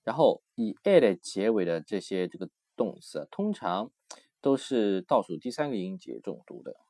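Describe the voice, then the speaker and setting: Low-voiced man teaching slowly. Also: big pitch swings, mellow, no room sound, studio quality. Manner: repeats words slowly, drills pronunciation; loose, conversational teaching with many fillers. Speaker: Italian language teacher. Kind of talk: textbook lesson explanation.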